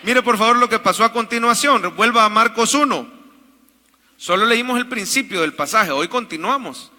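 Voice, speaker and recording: A man's voice: high-pitched, normal speed, pushed and bright, long reverb tail. A man preaching an emphatic sermon and calling out to the congregation for amens. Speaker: pastor. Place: church.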